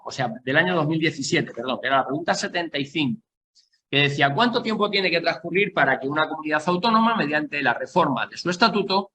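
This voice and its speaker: A man's voice: on the high side, bright, forceful tone, a little hiss or hum. A man from Castilla-La Mancha, giving an exam-prep lecture and checking in with the class as he explains. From Castilla-La Mancha, Spain. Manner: explanatory, keeps checking in with the class, slows to stress key points. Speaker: teacher.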